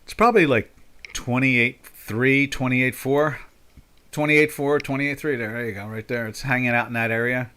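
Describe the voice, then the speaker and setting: A mid-range voice, steady and clean, comes across pushed and bright at normal speed. It belongs to a Pinelands, South Jersey man in his sixties with the local accent, a market trader hosting a live trading chat and thinking aloud in rambling, filler-packed chatter.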